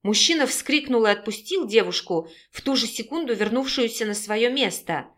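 A woman narrating an audiobook in a steady storytelling read. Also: fairly high pitch, normal speed. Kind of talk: scripted narration.

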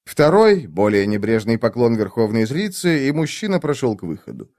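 A man narrating an audiobook in an expressive storytelling manner. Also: medium pitch, moderate pace, no echo, studio quality.

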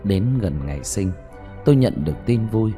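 A man with a low, mellow voice narrates a sad first-person story. His delivery is slow and mournful, and the pitch rises and falls widely. Soft music plays beneath him. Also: animated. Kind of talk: dramatic audiobook narration. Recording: soft music bed behind.

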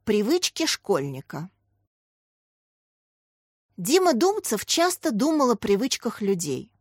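A woman narrating a children's book in a clear, expressive reading. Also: fairly high pitch, takes it slowly, no room sound, clean studio sound. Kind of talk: scripted audiobook narration.

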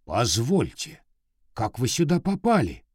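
Man doing a calm kind old-school professor, reassuring, lively tone, dry close sound. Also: mid-range voice, slightly rough, no echo, full character voice. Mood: concerned. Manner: reassuring, measured. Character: kindly calm middle-aged male professor.

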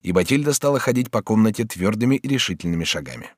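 A man narrating an audiobook in an expressive, theatrical reading. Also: on the low side, quick pace, no room sound. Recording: dry studio sound.

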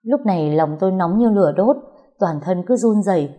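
A woman narrating a first-person story in a soft, steady, scripted way. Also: mid-range voice, a little fast.

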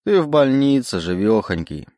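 A man's voice: medium pitch, sing-song, moderate pace, a little mellow, dry recording, studio quality, pitched above the performer's own voice, natural voice. Man putting on a sneering demon's voice. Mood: mocking. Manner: mocking, sneering. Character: mocking demon voice, cruel, giggling.

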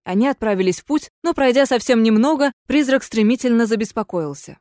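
A woman reading a story aloud in a measured, literary style. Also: on the high side, animated, a little mellow, no room sound. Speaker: audiobook reader. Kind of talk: scripted narration.

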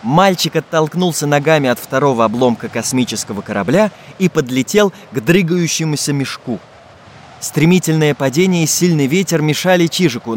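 Brief: male audiobook narrator, lively melodic reading, slightly high voice. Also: a little hiss or hum. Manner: expressive, storytelling. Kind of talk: scripted narration.

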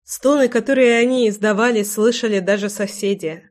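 A woman's voice: medium pitch, steady tone, a little fast. Woman narrating a romance audiobook. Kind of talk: scripted narration of a romance novel.

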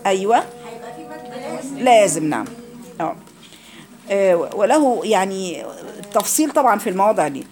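A woman's voice: mid-range voice, expressive, normal speed, long pauses, darkish tone. A woman with an Egyptian accent teaching Quran recitation rules in a classroom lecture, explaining each rule and quizzing her students with questions.

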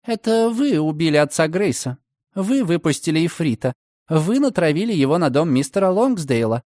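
Man putting on a sharp indignant young woman. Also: very animated, moderate pace, no echo, studio quality. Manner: high, hissing, accusing.

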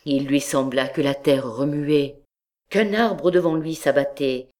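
A woman reading a classic story aloud as an audiobook, in measured narration. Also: low voice, a little mellow. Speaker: audiobook reader.

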